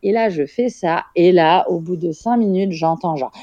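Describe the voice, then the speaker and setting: A woman's voice: on the low side, moderate pace, dark tone, no room sound, dull audio. A woman in her thirties, a podcast guest telling a story in a frank, casual way, swearing now and then and using plenty of fillers.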